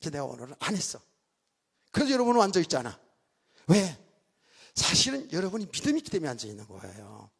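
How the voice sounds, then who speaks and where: A middle-aged male pastor delivering a sermon in a church sanctuary, his voice gravelly and a little husky. He preaches in a loose, chatty way, tossing jokes and questions to the congregation. His voice sits somewhat high for a man. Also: wildly swooping pitch, quick pace, pauses often. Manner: chatty, joking asides to the congregation.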